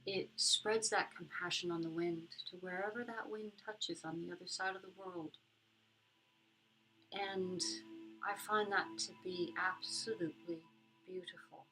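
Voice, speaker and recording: A woman leading a guided meditation in a soft, gentle, soothing way, leaving pauses between short phrases. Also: fairly low pitch, low-quality recording. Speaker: meditation group leader.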